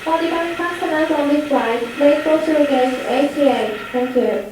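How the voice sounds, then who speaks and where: A woman's voice: high voice, background noise. A woman giving a formal, polite airport public-address announcement as a gate agent, speaking English. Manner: rapid, polite and formal, with small slips corrected on the fly. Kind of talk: formal bilingual boarding announcement. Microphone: public-address microphone. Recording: echoey terminal over a loudspeaker with faint ambience.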